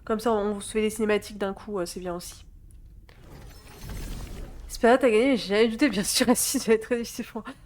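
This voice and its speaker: A young woman streaming a game, chatting to her chat and reading game dialogue aloud, excitable and quick to laugh. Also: mid-range voice, slight background noise. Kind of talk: gameplay let's play commentary.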